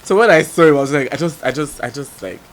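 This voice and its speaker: A young Nigerian man with a Nigerian accent, telling a storytime vlog in an animated way, his loudness swinging up and down. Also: fairly high pitch, fast talker, slight background noise. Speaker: vlogger. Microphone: camera mic.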